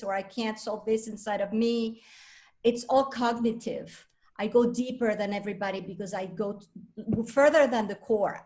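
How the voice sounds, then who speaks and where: A woman's voice: fairly high pitch, darkish tone. A woman in her fifties from Venezuela, a coach giving a chatty, self-assured talk to a live audience. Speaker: speaker and coach.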